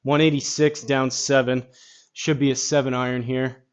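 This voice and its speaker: A man giving casual golf simulator commentary, rambling as he thinks out loud. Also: medium pitch, level tone, normal speed.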